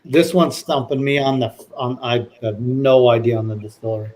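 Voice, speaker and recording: A man chatting casually as a livestream panelist, plainspoken and halting. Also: mid-range voice, steady tone, a little mellow. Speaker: livestream panelist tasting bourbon. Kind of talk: casual chat.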